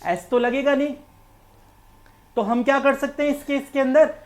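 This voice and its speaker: An English teacher with an Indian accent and a high-pitched, slightly mellow voice gives an exam-prep grammar lecture at normal speed. She explains step by step, mixing English terms into Hindi. She's coughing and needs water.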